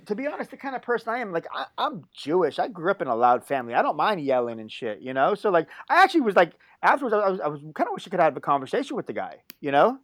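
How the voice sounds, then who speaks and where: A man's voice: high-pitched, wildly swooping pitch, rapid-fire, hardly any pauses, a bit bright, no room sound. Heated, profane man on a dry mic. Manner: profane, heated, laughs often. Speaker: podcast co-host. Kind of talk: casual panel chat.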